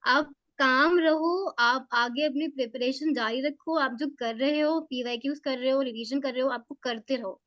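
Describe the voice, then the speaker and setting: Young woman, high voice, earnest advice, dull dry call audio. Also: fairly even intonation, normal speed, hardly any pauses, dry recording. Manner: earnest, advising directly, repeats points. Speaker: exam topper guest. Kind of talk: interview answers, casual advice.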